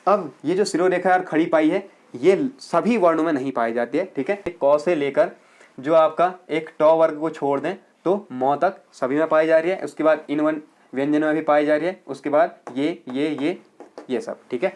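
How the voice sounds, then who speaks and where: A male teacher delivers a grammar lecture to exam students, walking through it step by step. He checks in often and repeats words slowly to demonstrate pronunciation. His voice is fairly high-pitched and a little mellow.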